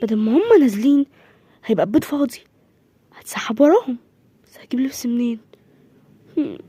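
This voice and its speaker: A woman's voice: high-pitched, expressive, fast talker, dry recording. A woman voicing a mistreated young man who works as a household drudge, speaking in Egyptian Arabic with pleading, self-pitying muttering.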